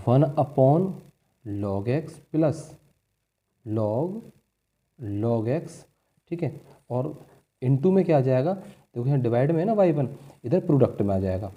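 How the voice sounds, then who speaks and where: A man's voice: medium pitch, animated, slow, pauses often, highs cut off. A male maths teacher, working through board-exam problems step by step and answering his own questions. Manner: calls students "बच्चे" and "भाई".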